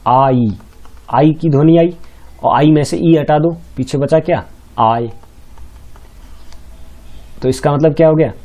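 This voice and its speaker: A man's voice: fairly high pitch, mellow. A man teaching grammar for an exam-prep lesson, explaining step by step and quizzing his students with questions.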